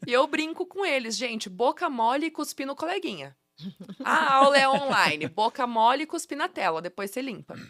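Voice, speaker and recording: A woman from Curitiba, Brazil, with a Curitiba accent, explaining pronunciation tips as a guest teacher in a playful, animated way and laughing often. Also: fairly high pitch, no echo, studio quality. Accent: Curitiba Brazilian Portuguese. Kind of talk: casual podcast interview.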